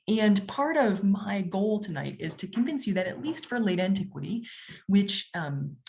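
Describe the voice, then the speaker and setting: A woman's voice: fairly low pitch, a little mellow. A woman giving a public lecture, explaining in a conversational way with frequent fillers.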